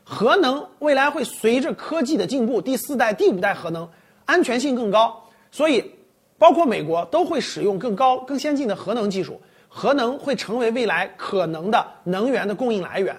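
A woman's voice: on the high side, animated, moderate pace, slightly rough. A woman giving casual, opinionated commentary on a list of forecasts, setting each point against her own view in loose phrases with restarts. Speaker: finance commentator.

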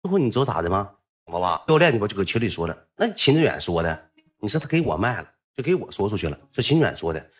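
A man with a Northeastern Mandarin accent telling a rambling story in a casual, animated way, swearing freely. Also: lowish voice, quick pace.

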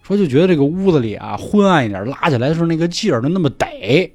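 A man tells a ghost story at a quick clip, slipping into hushed, half-whispered voices for the characters. The sound is dry and close, with faint music in the background. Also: fairly high pitch, big pitch swings, no echo. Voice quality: colloquial, acts out dialogue in hushed voices. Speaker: podcast storyteller. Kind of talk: casual ghost story telling.

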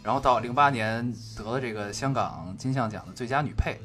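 A man's voice: mid-range voice, a little fast, fairly bright tone. A young man, co-hosting a podcast in casual chat about films. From mainland China. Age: young adult. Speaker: podcast co-host. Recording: guitar music behind the talk. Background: guitar music.

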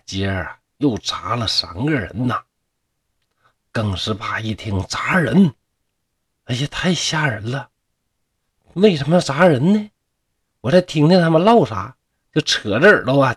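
Male storyteller, Northeastern Mandarin accent, husky and animated, chatty humor. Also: medium pitch, no room sound, clean studio sound. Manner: chatty, rhetorical asides. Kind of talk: humorous folk-tale narration.

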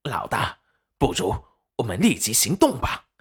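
A man's voice: medium pitch, wildly swooping pitch, unhurried, slightly rough, heavily acted. A man voicing an eager, fawning and crude pirate underling in an audiobook. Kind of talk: audiobook character voice.

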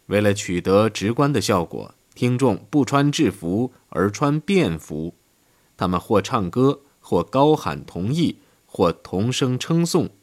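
A man narrates a history audiobook in a low voice. His reading is steady and scripted, and his pitch rises and falls widely, climbing higher on quoted lines.

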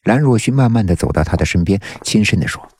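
A man reading a novel aloud with steady, measured storytelling. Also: fairly low pitch, slightly rough. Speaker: audiobook narrator. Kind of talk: scripted novel narration.

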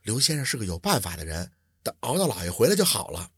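A male storyteller voicing an anxious young female servant who speaks softly and pleadingly. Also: on the low side, big pitch swings, quick pace, breathy edge, no echo, clean studio sound, pitched below the performer's own voice, heavily acted. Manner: soft, hushed, pleading.

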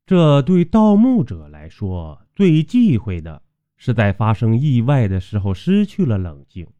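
Guy reading a creepy adventure audiobook, super animated up-and-down delivery, mellow dark tone. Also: unhurried, no room sound. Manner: suspenseful storytelling with wide pitch swings. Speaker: audiobook narrator. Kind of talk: dramatic audiobook narration. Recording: dull lo-fi audio, dry.

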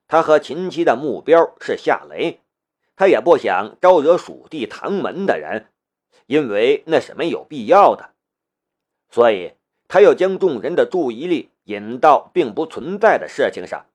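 A man narrating a novel in an expressive storytelling manner. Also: medium pitch, unhurried. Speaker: audiobook narrator.

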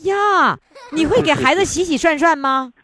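A woman's voice: high voice, normal speed, a bit bright, a little hiss or hum. A woman hosting a casual interview, teasing and inquisitive. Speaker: host.

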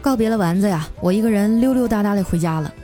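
A woman's voice: medium pitch, faint music behind. Playful woman telling comic stories. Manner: lively, playful with frequent drawn-out particles. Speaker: podcast host. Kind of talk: comic storytelling.

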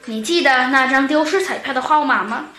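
A woman voicing a kind, patient monkey police chief who talks gently and reasons things through. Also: high voice, fairly quick. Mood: calm, reasoning. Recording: echoey room with faint music.

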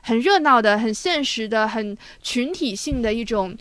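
A woman's voice: on the high side, lively intonation, moderate pace, a bit bright, no room sound. A woman in her thirties, a guest writer, telling stories and building points in an earnest, list-like way during a reflective conversation. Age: 30s. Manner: earnest, storytelling, builds points in long lists.

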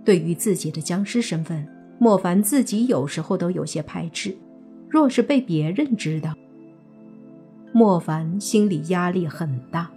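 A woman narrating a serialized novel in steady storytelling. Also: medium pitch. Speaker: audiobook narrator.

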